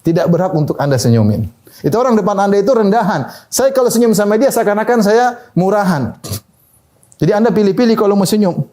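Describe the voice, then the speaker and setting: Male preacher, relaxed lecture tone, a touch high and warm, quick to laugh and act out quotes. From Indonesia. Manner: conversational, laughing asides, quotes people in acted voices. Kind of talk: sermon.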